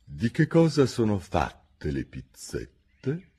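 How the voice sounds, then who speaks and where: A man's voice: medium pitch, big pitch swings, unhurried, fairly bright tone, pitched above the performer's own voice. A man doing a fretful, put-upon old king. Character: anxious weary old king, timid.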